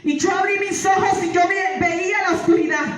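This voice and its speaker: Her voice extremely high-pitched yet steady and at a normal speed, a woman testifies in church. Standing far from the mic, she rings through the heavily echoing hall, repeating herself and crying out praise until she is shouting fervently.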